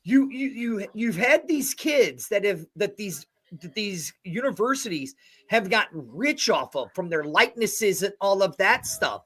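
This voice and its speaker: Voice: medium pitch, expressive, a little slow, fairly bright tone, husky. Chatty co-host in their forties. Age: 40s. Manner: eager, questioning, chatty. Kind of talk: casual chat.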